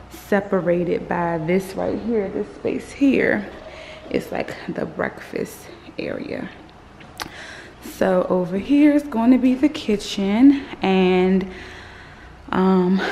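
A woman's voice: lowish voice, gravelly, mellow, a little hiss or hum. A woman in her thirties chatting casually to her phone camera, rambling with fillers as she talks. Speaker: vlogger. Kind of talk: casual vlog chat. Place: parked car, then an unfinished house. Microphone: phone held at arm's length.

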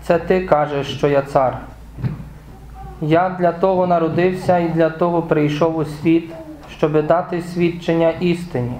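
A man reading the words of Jesus on trial in a liturgical Passion reading in church, with a measured, even delivery. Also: fairly high pitch, slight background noise, lightly acted. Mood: solemn. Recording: echoey church room.

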